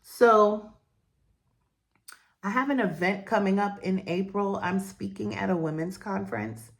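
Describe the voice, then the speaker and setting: A woman chatting casually while doing her makeup for viewers, rambling and friendly, with a croaky morning voice. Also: medium pitch, lively intonation, a little slow. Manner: chatty, rambling, warm sign-offs to viewers. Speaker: beauty vlogger and host. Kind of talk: chatty get-ready-with-me talk.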